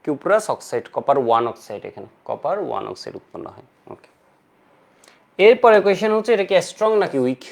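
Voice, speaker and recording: Fast-talking man teaching chemistry. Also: on the high side, very animated, creaky. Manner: asks questions and answers them himself, repeats key terms; mixes English terms into his speech. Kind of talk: online lecture to students.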